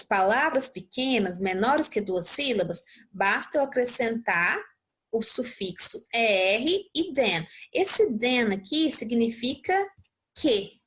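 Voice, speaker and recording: A young adult Brazilian woman teaching English, explaining a worksheet step by step and often checking in with her students. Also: fairly high pitch. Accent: Brazilian Portuguese. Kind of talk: recorded lesson walkthrough.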